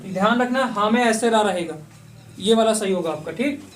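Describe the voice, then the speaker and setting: A man's voice: sits high, moderate pace. A man teaching an online exam-prep class. He asks questions and answers them himself, repeating the key points. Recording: voice somewhat distant from the mic.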